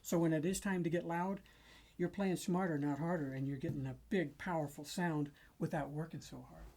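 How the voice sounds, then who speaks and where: A woman demonstrating a cajon she builds, explaining it in an unhurried, casual way with pauses and fillers. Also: low-pitched, steady tone, warm tone. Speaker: cajon maker demonstrating an instrument. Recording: cajon drumming between and under the speech.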